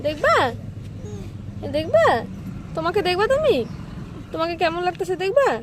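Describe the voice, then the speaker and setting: Loud street noise fills the background of this phone-camera clip, in which a mother scolds and coaxes her child outdoors with repeated short phrases in casual talk. She has a very high, sing-song voice and a moderate pace.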